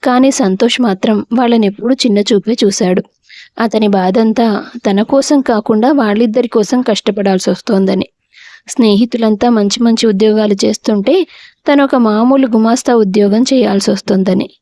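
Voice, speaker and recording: A woman reading a family drama story aloud as a narrator, steady and scripted. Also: a little high, moderate pace, no room sound.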